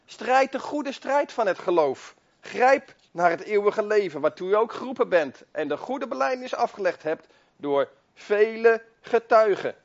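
A man preaches with a high voice, driving his points home through fervent repetition and swelling emphasis. The recording is dull and lo-fi, like an old sermon tape. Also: animated, normal speed.

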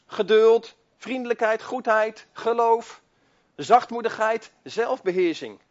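A man preaches with a high voice, driving his points home through fervent repetition and swelling emphasis. The recording is dull and lo-fi, like an old sermon tape. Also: slow.

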